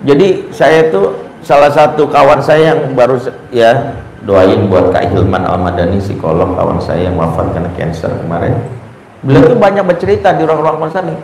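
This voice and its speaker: This is a parenting talk from a male Islamic preacher with a medium-pitched voice and a normal pace. He narrates stories energetically, voicing each character's lines, while the echoey room carries a faint ambient hum.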